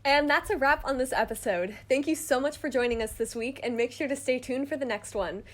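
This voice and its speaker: A woman's voice: high-pitched, brisk. A young woman in her late teens co-hosting a podcast, talking casually and rambling with lots of "like". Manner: rambling, filler-heavy, with frequent "like". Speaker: podcast co-host. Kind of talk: casual chat.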